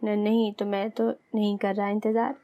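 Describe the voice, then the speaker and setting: A woman's voice: medium pitch, flat delivery, mellow, no room sound, close to an everyday voice. A woman voicing a proud young husband who is stubborn at first and turns tender. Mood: defensive, stubborn. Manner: firm, then teasing and tender.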